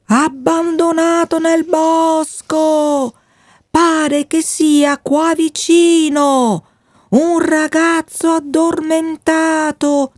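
A woman reading aloud, voicing the wind in the treetops as a gossiping spirit with slow, high, drawn-out calls. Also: darkish tone, dry recording, studio quality. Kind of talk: audiobook reading.

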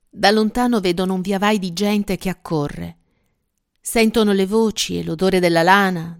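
A woman hosting a literary segment, introducing and summarizing a novel in clear, even scripted narration. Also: medium pitch. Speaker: host of a book segment. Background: faint music.

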